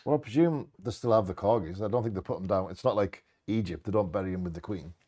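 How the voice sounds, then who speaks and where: Low, mellow man co-hosting bingo. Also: fast. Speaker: co-host of a bingo game. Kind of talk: reading short fact blurbs with casual asides.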